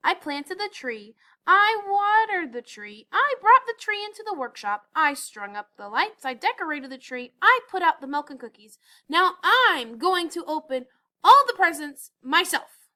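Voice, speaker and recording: A woman's voice: very high-pitched, sing-song, moderate pace, sharp tone, voice pushed up, heavily acted. Woman voicing a sweet little red elf. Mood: exasperated. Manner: sweet, patient, then exasperated. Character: bright cheerful little female elf.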